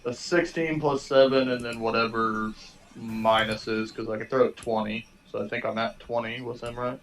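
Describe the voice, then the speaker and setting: A man with a mid-pitched voice chats casually as he works out his move in a tabletop game. There is faint noise behind him. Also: steady tone, normal speed, fairly bright tone.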